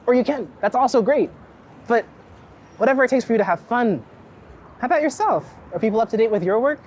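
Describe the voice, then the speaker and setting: This street photographer, interviewed outdoors on a busy street, speaks in a very high, expressive, slightly mellow voice at a brisk clip. He rambles reflectively as he walks, frequently cutting off ideas to begin new ones, while city noise and passing vehicles fill the background.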